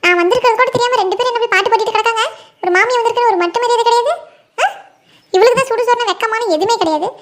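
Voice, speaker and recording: A voice actor playing a scolding older village mother-in-law in a cartoon comedy, nagging and shrill. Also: very fast, a bit bright.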